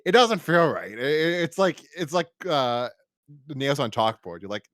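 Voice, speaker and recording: An American podcast host chats wordily in a casual review show, stammering and restarting as he goes. His voice sits on the high side with big pitch swings and a fairly bright tone, at normal speed. The sound is clean studio quality with no room sound.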